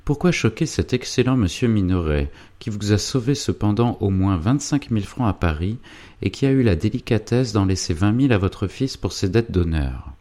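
A man voicing a mild, gently reproachful old priest in a read-aloud novel. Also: lowish voice, lively intonation, moderate pace, voice pushed up, close to an everyday voice. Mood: earnest.

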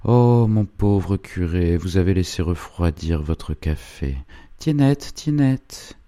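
A man's voice: deep voice, lively intonation, slow, mellow, no room sound, full character voice. A man voicing a proud, stubborn old noblewoman with a strident, curt way of speaking, in an audiobook reading. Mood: distressed. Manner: dry, curt replies.

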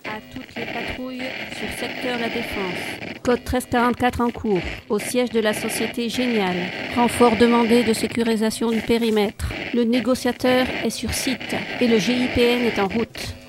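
A woman's voice: a little high, little pitch movement, moderate pace, hardly any pauses, lightly acted, poor audio. A woman playing a curt, businesslike police radio dispatcher. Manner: clipped, businesslike.

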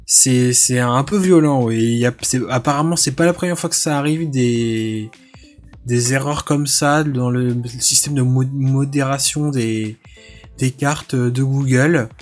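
A man's voice: mid-range voice, measured pace, soft background music. A man on a casual podcast presenting a tech news item, explaining it with frequent halts and restarts. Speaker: podcast co-host.

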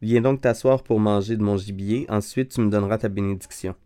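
Guy doing jacob, young son, uneasy trickster, lowish voice. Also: steady tone, a little fast, warm tone, smooth, lightly acted.

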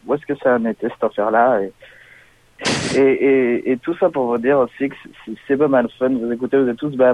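A man's voice: mid-range voice, no room sound, natural voice. A man doing a stammering Quebec caller. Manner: stammering, repeating words. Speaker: fake caller. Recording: tinny phone answering machine message.

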